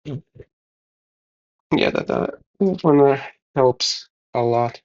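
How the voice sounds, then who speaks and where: Guy mumbling thru a repair, slow and flat, gravelly, kinda dull lo-fi sound. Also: mid-range voice. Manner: mumbling, thinking aloud with pauses and fillers. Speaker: DIY video maker. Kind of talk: casual narration over hands-on repair.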